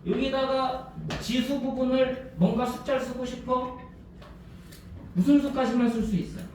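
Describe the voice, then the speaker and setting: A male math teacher giving a classroom lecture, drilling students with quick check questions. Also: extremely high pitch, steady tone, darkish tone, a little hiss or hum. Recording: echoey classroom from a distance.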